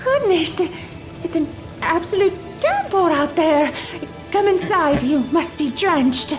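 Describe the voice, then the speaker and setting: A woman's voice: very high-pitched, sing-song, slow pace, over music, exaggerated voice. A woman voicing a refined female unicorn dressmaker in a fan audio drama, prim and politely professional.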